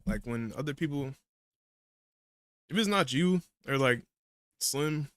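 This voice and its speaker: Casual male streamer, easygoing slang, medium pitch, dry recording. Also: animated, slow, a bit bright, no room sound. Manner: laid-back slang, eating while talking. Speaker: livestream guest. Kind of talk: casual livestream chat.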